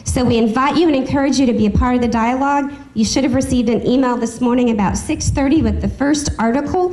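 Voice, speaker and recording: A woman hosting a business meeting for a chamber of commerce chats with the group while making informal announcements. Her voice is on the high side with a darkish tone, and she talks fast.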